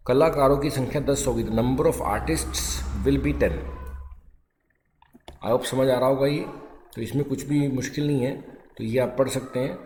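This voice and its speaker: A male English teacher giving a grammar lesson, dictating English phrases slowly and explaining briskly in Hindi. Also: mid-range voice, fairly even intonation, mellow, a little hiss or hum. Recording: echoey room with long reverb.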